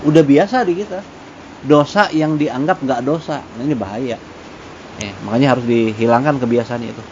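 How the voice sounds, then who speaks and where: Male religious teacher, relaxed conversational lesson with Arabic recitation; muffled lo-fi recording. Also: medium pitch, moderate pace. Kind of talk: casual religious study lesson. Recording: dull lo-fi with faint noise.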